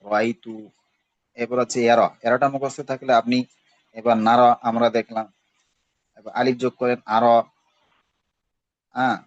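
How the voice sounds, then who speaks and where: A man's voice: medium pitch, no echo, highs cut off. Patient male Arabic grammar teacher. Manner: patient, repeats verb forms with their meanings; checks in with "ঠিক আছে". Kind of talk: recorded class lesson.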